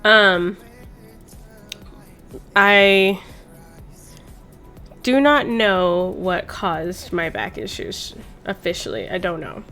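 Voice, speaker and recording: A streamer in her 30s speaks very slowly in a low, expressive voice that sounds pushed and bright, pausing often as she shares personal stories in a casual, rambling, sweary chat. There's background music.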